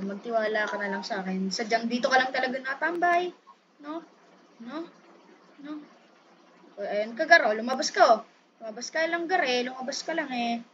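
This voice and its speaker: High-voiced woman, playful game commentary. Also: fairly bright tone. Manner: playful, pleading and defensive, repeats herself. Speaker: gaming YouTuber. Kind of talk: casual gameplay commentary. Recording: dull lo-fi sound with clear background noise.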